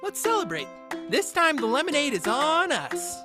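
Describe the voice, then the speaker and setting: A woman voicing an eager, earnest young boy in an animated cartoon. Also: sits high, normal speed, over music.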